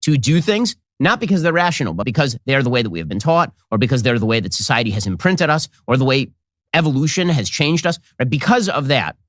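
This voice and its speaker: Male pundit, quick sarcastic monologue, lively pitch, dry close mic. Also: no echo. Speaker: political commentator. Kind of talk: commentary monologue.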